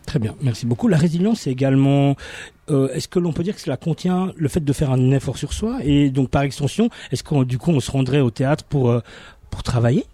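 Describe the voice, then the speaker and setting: A man, a radio host asking measured, formal questions in an interview. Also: mid-range voice, dark tone.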